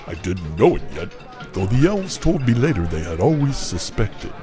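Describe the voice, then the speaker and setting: A man's voice: on the low side, big pitch swings, moderate pace, over music. A man playing a fearful, weary Santa in an audio play, with a brooding, dramatic delivery. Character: troubled, fearful, weary male Santa Claus.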